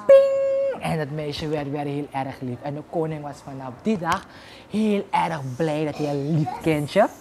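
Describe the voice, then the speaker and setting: A young woman telling a children's bedtime story, playful and lively with sound effects. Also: deep voice, moderate pace, noisy background.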